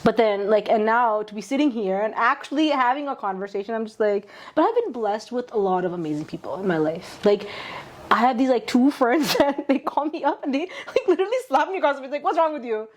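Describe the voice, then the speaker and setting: A woman's voice: fairly high pitch, expressive, brisk. Enthusiastic woman host. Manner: enthusiastic, emphatic, repeats herself. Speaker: podcast host. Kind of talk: casual chat.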